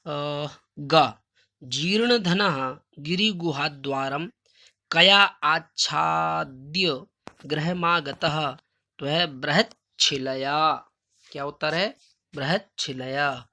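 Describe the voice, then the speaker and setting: Male schoolteacher, unhurried and deliberate, dictates answers word by word in a bright, forceful voice. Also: fairly high pitch. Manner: explains in everyday Hindi between recited lines. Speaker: Sanskrit teacher. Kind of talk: recorded class lesson.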